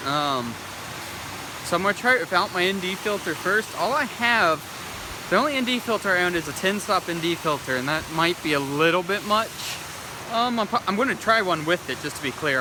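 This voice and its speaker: Higher-voiced man vlogging beside a loud rushing river. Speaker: vlogger and landscape photographer. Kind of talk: casual vlog commentary to camera. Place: outdoors beside a rushing creek and waterfall. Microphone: handheld phone or action camera. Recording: noisy outdoor audio with loud rushing water. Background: rushing river and waterfall noise.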